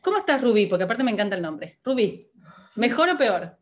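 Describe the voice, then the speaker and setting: Animated woman coaching a workshop. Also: mid-range voice, fairly quick. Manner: animated, asks many rhetorical questions, laughs often. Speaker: workshop facilitator.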